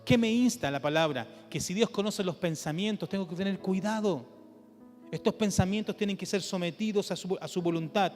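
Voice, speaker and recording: Male Chilean pastor, high-pitched, preaching in a reverberant hall, animated with rhetorical questions, faint music behind. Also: a little fast. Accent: Chilean Spanish. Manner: animated preaching with rhetorical questions, drops to a soft low voice for emphasis. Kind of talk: sermon. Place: church.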